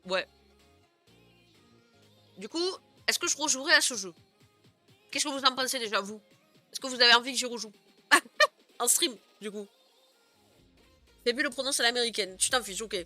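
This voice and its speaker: A woman's voice: a little high, normal speed, pauses often, bright, forceful tone, faint music behind. A young woman streamer chatting casually with her viewers, giggling often and filling her talk with "euh" and "genre". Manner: chatty, giggly, many fillers. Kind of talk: casual live stream chat.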